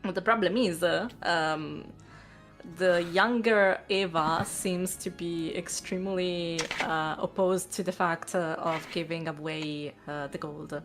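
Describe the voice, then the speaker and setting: A woman's voice: on the low side, steady tone, slow, soft background music. A woman streaming a game, chatting casually and reading the story text aloud, laughing often. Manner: laughs easily, reads narration steadily.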